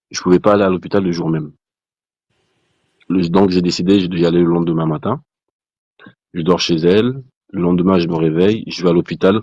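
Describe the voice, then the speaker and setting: A man telling a personal testimony as a guest, in casual spoken storytelling, animated, with many restarts, acting out the dialogue he quotes. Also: low-pitched, no room sound, lo-fi sound.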